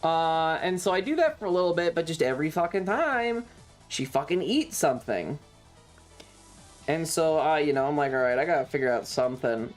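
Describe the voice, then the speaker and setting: Rambling through a story on his livestream, this male streamer swears in exasperation and performs bits of dialogue along the way. He speaks at a moderate pace in a slightly high voice with lively intonation, and faint music plays behind him.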